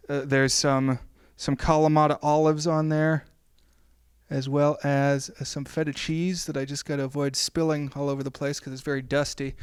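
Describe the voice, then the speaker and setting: A man playing a genial horror-host count on public access TV, with mock-formal, wordy, halting patter. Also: fairly high pitch, clean tone, close to an everyday voice.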